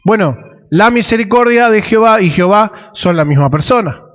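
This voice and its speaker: Argentine male preacher, high voice, long hall echo, peppers the sermon with questions and amens. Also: expressive, moderate pace, highs cut off. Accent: Argentine Spanish. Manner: asks the congregation rhetorical questions, frequent "amén".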